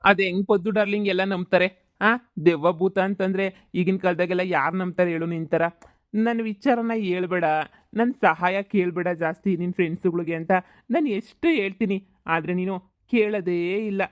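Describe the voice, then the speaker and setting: A man's voice: high voice, moderate pace, close to an everyday voice. A man voicing a laid-back, teasing male ghost in a cartoon, who calls his friend darling.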